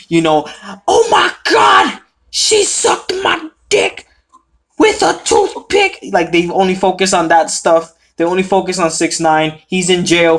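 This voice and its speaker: A man's voice: fairly high pitch, a bit bright. A teenage boy co-hosting a casual podcast, ranting passionately with crude language. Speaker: podcast co-host. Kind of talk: casual chat.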